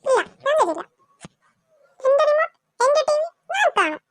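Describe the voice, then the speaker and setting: Very high, squeaky, bratty little cartoon sister, dry close sound. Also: female voice, very animated, moderate pace, no room sound. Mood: whiny. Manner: whiny, teasing. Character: cheeky bratty little girl, younger sister. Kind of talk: cartoon voice acting.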